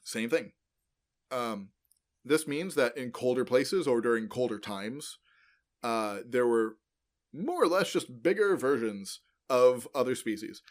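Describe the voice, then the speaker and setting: An animated man with a medium-pitched voice co-hosts a laid-back podcast, explaining paleontology in an informal, rambling style. He frequently says "like," fills silences with ums and uhs, and revises himself as he talks.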